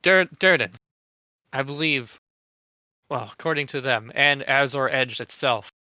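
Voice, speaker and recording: A man voicing a calm, commanding female archmage who talks in a formal, measured way, in a dull lo-fi recording. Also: medium pitch, no room sound.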